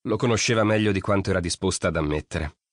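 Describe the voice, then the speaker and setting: Man reading a children's audiobook, low voice, bit husky, really animated, dry sound. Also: fast, no room sound. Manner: expressive storytelling reading. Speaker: audiobook narrator. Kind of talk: scripted narration.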